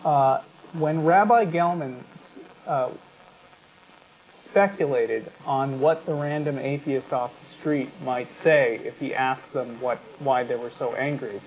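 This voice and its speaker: Speaking slowly at a medium pitch, a man co-hosts a talk show, combining conversational remarks with sections read aloud. It's a dull, lo-fi recording with noticeable background noise.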